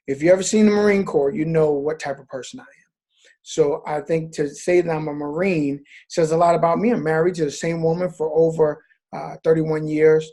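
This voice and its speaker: Chatty man hosting a video call. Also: fairly high pitch. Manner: chatty storyteller, many fillers, animated when quoting. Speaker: network marketing presenter. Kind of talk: casual presentation on a video call.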